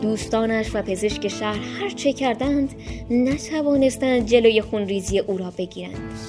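A woman tells a children's storybook in an expressive, measured way. Her voice sits slightly high, and soft music plays faintly beneath her narration.

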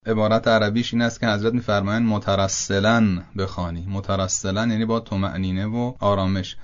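A man from Iran teaches correct prayer recitation in a fairly low voice. He recites Arabic phrases slowly and carefully as examples. The recording is dull and lo-fi. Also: flat delivery. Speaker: religious teacher. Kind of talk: instructional talk on prayer recitation.

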